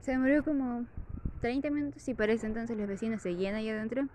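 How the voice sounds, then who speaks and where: A woman with a Chilean accent casually telling a story to camera, laughing often in a lively, chatty way. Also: fairly high pitch, quick pace, background noise. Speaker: vlogger.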